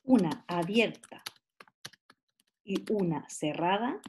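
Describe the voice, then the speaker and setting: A woman's voice: medium pitch, lively intonation, a little hiss or hum. A middle-aged woman, giving a classroom lecture. She explains step by step, drawing out example words and checking in with her listeners. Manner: explains slowly, stretches example words, asks rhetorical checks. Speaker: teacher.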